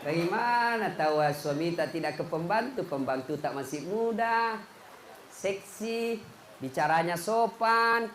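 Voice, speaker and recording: A man's voice: sits high, a bit bright, roomy sound, slight background noise. A man with a Makassar accent preaching a comedic sermon, playful and often laughing as he tells his stories.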